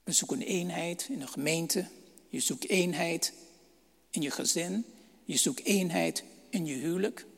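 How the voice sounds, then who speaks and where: A man's voice: a little high, measured pace, breathy edge, long reverb tail. A man preaching a sermon, reading Bible verses and asking rhetorical questions.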